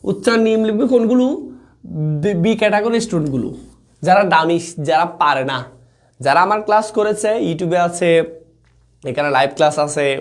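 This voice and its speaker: A young man with a fairly high-pitched voice runs a chatty, informal live online exam-prep class, often checking in with students and reading their comments aloud.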